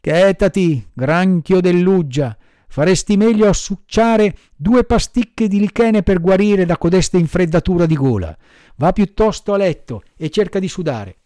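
A man's voice: fairly high pitch, big pitch swings, moderate pace, mellow, no echo, studio quality. A man doing a cheeky wooden puppet boy. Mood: rude. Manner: mocking, cheeky.

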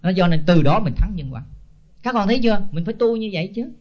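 Blunt older monk. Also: male voice, high-pitched, animated, quick pace. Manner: blunt and scolding, with rhetorical questions and chuckles. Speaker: senior Buddhist monk teaching disciples. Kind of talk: sermon. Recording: dull lo-fi tape.

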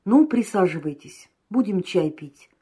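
A woman reading an audiobook, voicing a brisk, cheerful man who urges his friend to hurry. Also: medium pitch, animated, mellow, slightly rough. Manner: brisk, urging.

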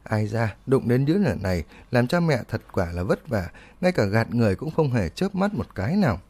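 Guy doing amused old lady, exasperated head-shake tone, lively. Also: mid-range voice, a little fast. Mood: wry. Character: older woman, wry and amused.

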